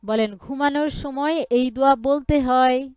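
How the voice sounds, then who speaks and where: Woman teacher drilling quran syllables one by one, smooth clear voice, dry close sound, no room echo. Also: sits high, unhurried, darkish tone. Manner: patient, drills each syllable and has the student repeat. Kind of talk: online one-to-one lesson, spelling out syllables.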